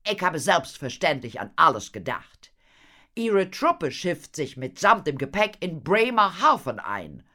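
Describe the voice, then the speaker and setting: A woman's voice: low voice, sing-song, unhurried, bright, forceful tone, pitched above the performer's own voice, exaggerated voice. Woman reading as a pompous theatre boss guy, gushy and showy, storybook voice. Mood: gushing. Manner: grand, gushing, theatrical. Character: pompous excitable male theatre impresario.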